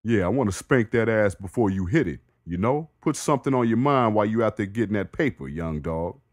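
A man doing a loud, brash young inmate. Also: fairly low pitch, animated, fairly quick, dry recording, studio quality, voice pushed up. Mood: teasing. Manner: loud, teasing street slang. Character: brash young male inmate from Chicago, joking.

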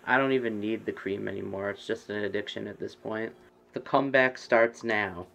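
A young adult male game streamer jokes casually through his gameplay from an indoor bedroom, repeating his phrases again and again. His voice sits on the low side at a normal speed, creaky and a bit bright. The webcam stream audio is dull and lo-fi.

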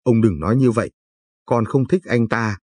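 A man voicing a sharp-tongued young village woman in a told story, speaking in a scolding, snappish way. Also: medium pitch, expressive, moderate pace, breathy edge, no room sound. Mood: sulky.

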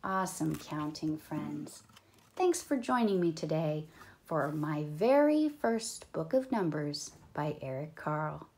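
A young woman teacher reading a counting book aloud to small children, counting slowly in a sing-song way with playful whispers and excited pitch jumps. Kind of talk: counting read-aloud lesson.

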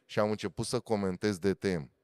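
Man, low voice, animated storyteller, dry close mic. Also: clean tone, no room sound. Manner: animated storyteller, swings loud and high for emphasis. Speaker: podcast guest, motorsport commentator. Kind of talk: casual podcast chat.

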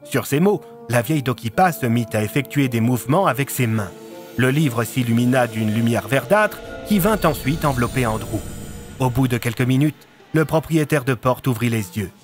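A man narrating an audiobook in a steady, scripted storytelling voice. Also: medium pitch, moderate pace, faint music behind.

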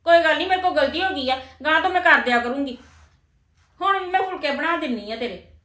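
Bright high-voiced Punjabi woman, echoey. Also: expressive, fast. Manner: defensive, then placating. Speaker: elder sister-in-law. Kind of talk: scripted family drama acting.

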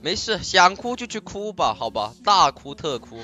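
A man in casual voice chat while gaming, teasing and scolding his teammates one moment and gently coaxing a friend the next. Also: high voice, big pitch swings, moderate pace, faint music behind. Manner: teasing, swings from loud scolding to soft coaxing. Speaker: game streamer comforting a teammate.

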